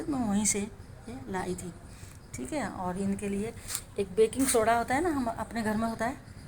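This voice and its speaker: A chatty, homely woman talks the viewer through things in a relaxed show-and-tell way, often checking in with a friendly question. Her voice sits at an ordinary middle pitch. A faint hiss of noise runs underneath. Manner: chatty, homely, keeps asking "है ना". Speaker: home gardening channel host. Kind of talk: casual show-and-tell demonstration.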